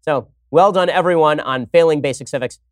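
The host of this opinionated political commentary program is a man with a fairly high voice who keeps things wry and sarcastic while moving briskly through segments. It's recorded at studio quality, with no room sound.

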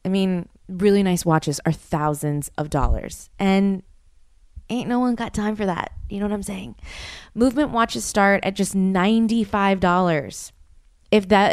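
A woman's voice: on the low side, clear, resonant tone, no room sound, clean studio sound. A young adult woman hosting a podcast, chatting casually and bluntly in a slangy, conversational way. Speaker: podcast host. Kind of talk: casual solo podcast chat with ad reads.

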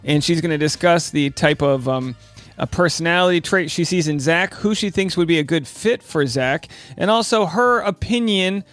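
Chatty male podcast host, slightly high voice. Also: moderate pace, a bit bright, faint music behind. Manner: chatty, informal. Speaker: podcast host and stand-up comic. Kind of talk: casual entertainment commentary.

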